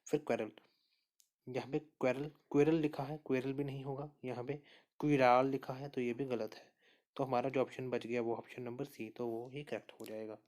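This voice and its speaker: Male teacher, mid-pitched, steady and patient, talks through each answer and repeats the key points. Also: brisk. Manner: steady explainer, repeats answers and says "okay" often. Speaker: exam prep teacher. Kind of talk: spoken lesson walking through quiz answers.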